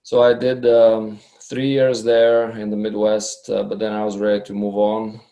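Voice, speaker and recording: Gravelly man, hesitant. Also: on the low side, monotone, normal speed, warm tone, highs cut off. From Bulgaria. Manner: hesitant, many fillers and restarts. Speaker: guest, customer researcher. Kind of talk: casual interview talk.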